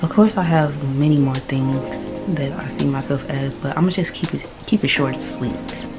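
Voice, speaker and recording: A young woman in her twenties talks straight to her phone camera in a relaxed, slangy chat. Her voice sits low and unhurried. Clear music plays behind her throughout. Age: 20s. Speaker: vlogger.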